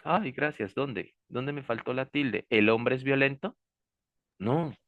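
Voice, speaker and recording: A man's voice: mid-range voice, slow pace, no echo, narrow, tinny audio. A man teaching a class, explaining step by step and often checking that students follow him. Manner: checks understanding with frequent "¿sí?" and "¿listo?"; gives warnings like "ojo" and "pilas". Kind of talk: classroom lecture.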